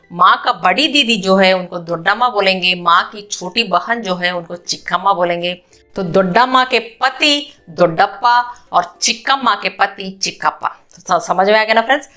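A woman with a bright, clear voice teaches kinship terms. She explains each word patiently, says it again, and asks the learners if they follow. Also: mid-range voice. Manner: repeats each word, checks understanding with the class. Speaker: language teacher.

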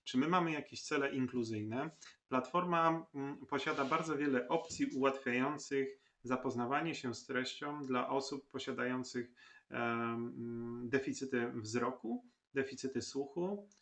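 Male lecturer, gravelly mid-pitched voice, unhurried screen-tutorial delivery full of filler sounds. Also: a bit bright. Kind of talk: screen-recorded platform tutorial.

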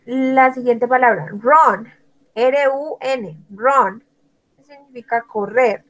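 A woman's voice: high-pitched, poor audio. A woman teaching an English lesson, spelling out words letter by letter and praising students by name. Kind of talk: online language lesson.

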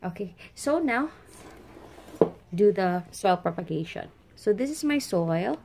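A plant vlogger from the Philippines with a Filipino Visayan accent sits indoors at a table of potted plants, chatting casually while demonstrating plant care with her hands. She mixes English with Tagalog and Bisaya, and her mid-range voice is expressive, unhurried and a little mellow.

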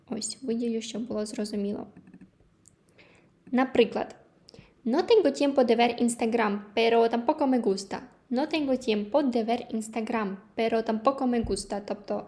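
Woman language teacher, slightly high voice, patient and clear, repeats each example for learners. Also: a little mellow. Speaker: Spanish teacher. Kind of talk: online language lesson.

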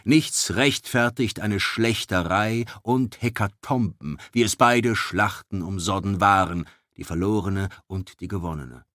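A man voicing a proud male elf who speaks in a cold, measured way in an audiobook. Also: lowish voice, fairly bright tone, no echo, studio quality.

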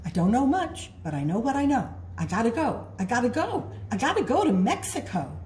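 A woman's voice: a little high, sing-song, a little fast, darkish tone, reverberant, a little hiss or hum, voice pushed up. A woman voicing a tiny, determined female caterpillar bug who chants her lines in a singsong way while reading a storybook aloud. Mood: chanting.

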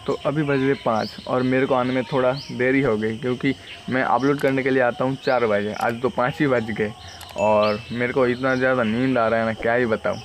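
A young adult vlogger chats casually and ramblingly into his phone, held at arm's length, while outdoors in a rural village. His mid-range voice has fairly even intonation and a moderate pace, and the noisy recording picks up insects and vehicles.

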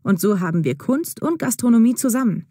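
Lady reading a slick evasive guy dodging questions, mellow, dry close mic. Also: a little high, animated, brisk, no room sound, voice pushed up. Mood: persuasive. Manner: evasive, then upbeat and persuasive. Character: evasive, smooth-talking male gallery manager. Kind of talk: acted dialogue in a learner audio drama.

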